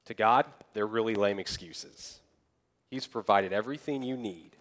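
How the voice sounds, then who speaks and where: A young man preaching a sermon as pastor, in a conversational way, acting out people's excuses in quick asides. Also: on the low side, a bit bright. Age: young adult.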